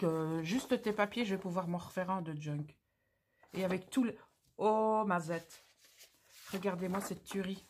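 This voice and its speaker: A woman hosting a craft channel chats casually through an unboxing, gushing with exclamatory, slangy enthusiasm. She has a lowish voice, and there's slight background noise.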